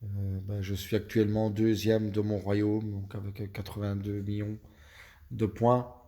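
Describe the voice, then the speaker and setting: Hesitant Belgian man with a low, dark voice. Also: level tone, a little slow. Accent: Belgian French. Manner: hesitant, many fillers and self-corrections. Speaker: gaming YouTuber. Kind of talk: casual gameplay tips walkthrough.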